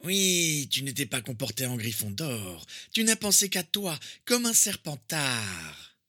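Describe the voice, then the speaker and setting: A man voicing a cold, arrogant dark lord in a fan fiction reading, sneering and drawing out his words. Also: medium pitch, very animated, measured pace, pitched above the performer's own voice, full character voice.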